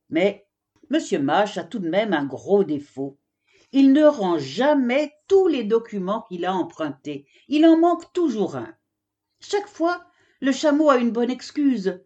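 A woman reading a children's storybook aloud with expressive, lively storytelling. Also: medium pitch, lo-fi sound. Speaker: reader.

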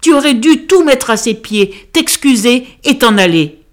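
A woman reading aloud, voicing a stern, worried father who scolds his daughter in a loud voice. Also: a little high, lively intonation, unhurried, pitched above the performer's own voice. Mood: angry.

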